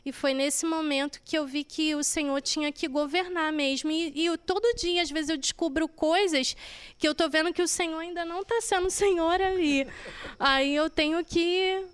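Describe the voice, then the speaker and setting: A woman gives a personal testimony to a church group. Her voice sits high, and she tells her story by acting out the back-and-forth conversations. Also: fairly even intonation, normal speed. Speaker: church member giving testimony.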